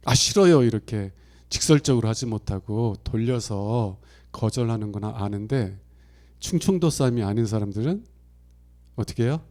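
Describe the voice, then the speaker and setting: A middle-aged pastor from Province, preaching a sermon in a conversational, storytelling way and acting out quoted lines with big jumps in loudness. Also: male voice, mid-range voice. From Chungcheong Province, Korea. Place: church sanctuary.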